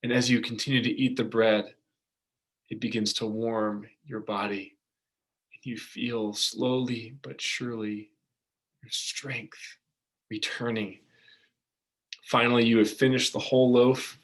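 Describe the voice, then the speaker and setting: A man preaching a storytelling sermon, soft-spoken with long pauses. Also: medium pitch, level tone.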